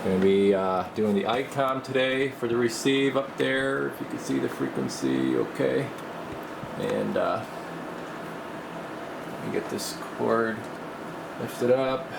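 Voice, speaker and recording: A radio repair technician demonstrates his work at an indoor radio workbench, muttering informally in a casual, hands-on way. His medium-pitched, gravelly voice is expressive and slow, with long pauses, against a noisy background.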